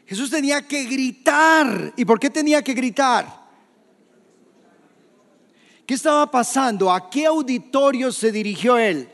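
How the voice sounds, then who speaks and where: A man preaching a sermon as pastor in a church, questioning the congregation and shouting quoted scripture. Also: very high voice, animated, measured pace, long pauses, in a large hall. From Colombia. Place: church hall.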